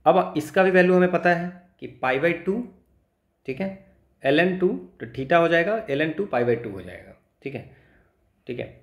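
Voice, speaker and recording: His voice sits on the high side, with lively intonation and a measured pace, though the highs are cut off. The Indian-accented man is a maths tutor explaining worked exam solutions step by step, repeating phrases and checking understanding with short tags. The audio is roomy and echoey.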